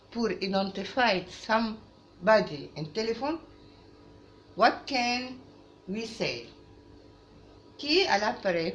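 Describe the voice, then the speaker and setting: A French teacher with a mid-range voice gives a children's language lesson, slow, didactic and lively in intonation, repeating phrases and switching into halting English. The recording is dull and roomy with faint noise.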